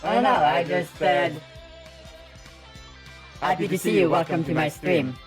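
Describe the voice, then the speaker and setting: A high-pitched man chatters through a live game stream, quick to yelp and joke at what happens on screen. He sounds drowsy yet keeps bursting into loud, excitable reactions over faint background music. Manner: excitable, jokey, loud outbursts. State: sleepy. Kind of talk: live gaming commentary.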